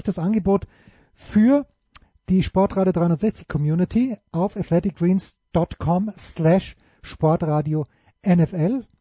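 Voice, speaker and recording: Male ad read: very dark, husky tone, bone-dry close mic. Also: high voice, dry recording. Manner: upbeat and salesy, addressing listeners directly. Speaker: ad reader. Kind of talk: sponsored ad read.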